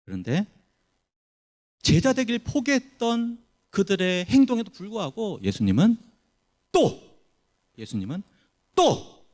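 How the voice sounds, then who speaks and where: A male pastor preaching a sermon, animated, acting out the people he quotes. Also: high voice, unhurried, long pauses. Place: church sanctuary.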